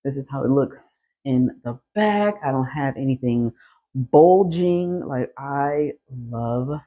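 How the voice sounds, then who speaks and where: A woman's voice: extremely low pitch, expressive, slow pace, mellow, no room sound. A woman vlogger, chatting casually and laughing often, short of breath as she walks outdoors along a roadside sidewalk. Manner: chatty, laughs often, sighs between sentences. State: out of breath while walking. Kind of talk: casual chat.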